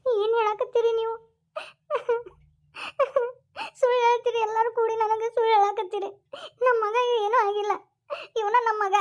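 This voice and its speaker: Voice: fairly even intonation, brisk, fairly bright tone, muffled recording. A voice actor playing a grieving village mother with a North Karnataka accent, crying and pleading. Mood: distraught. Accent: North Karnataka Kannada. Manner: high-pitched, sobbing and pleading. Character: grieving middle-aged village mother, distraught.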